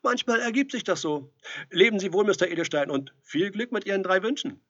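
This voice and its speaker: A man voicing a jovial, breezy male demon from hell, brash and loud. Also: high voice, lively intonation, a little fast, dry recording, voice pushed up. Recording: dull lo-fi recording.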